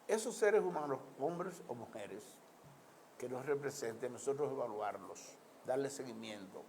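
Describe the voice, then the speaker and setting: In an animated, slightly slow, mid-range voice with a mellow quality, a Dominican man delivers social and political commentary to his listeners, with a little hiss or hum audible. His Caribbean Spanish-accented speech is emphatic and oratorical, full of repeated lists and rhetorical questions.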